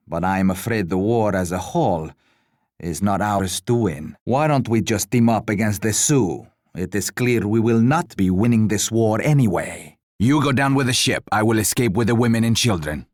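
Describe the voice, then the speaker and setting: An actor playing a pompous, genteel royal commander in a strategy video game, speaking formally and theatrically. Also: male voice, fairly low pitch, no room sound, clean studio sound, close to an everyday voice. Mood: regretful, then haughty. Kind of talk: scripted strategy game voice lines.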